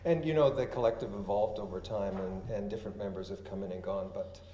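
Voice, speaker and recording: A man's voice: fairly low pitch, fast, mellow. A man moderating a festival panel, asking open questions in an easygoing way. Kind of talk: casual panel talk. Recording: roomy hall with faint noise.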